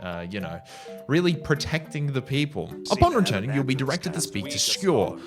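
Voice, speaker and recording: A man's voice: mid-range voice, big pitch swings, normal speed. A man hosting a gaming video, delivering scripted commentary in a sarcastic, jokey manner with frequent swearing. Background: background music.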